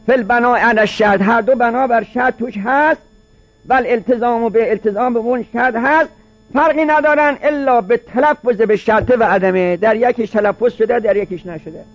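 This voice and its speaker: A man with a strikingly high voice teaches a seminary class, reading out lines of a classical legal text and then unpacking them in relaxed everyday speech. He often repeats a point in several ways to drive it home. The recording is dull and lo-fi. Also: dry recording. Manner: reads Arabic text aloud, then explains it in colloquial speech.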